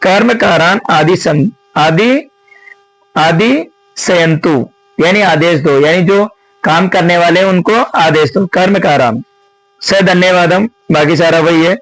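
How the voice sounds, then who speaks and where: A man with a fairly high voice works through an exam answer key like a teacher at the board. He often asks a question and answers it himself, and keeps calling his viewers friends. The sound is dry and close, with no room around it. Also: slow, fairly bright tone, no room sound, low-quality recording. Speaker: Sanskrit teacher.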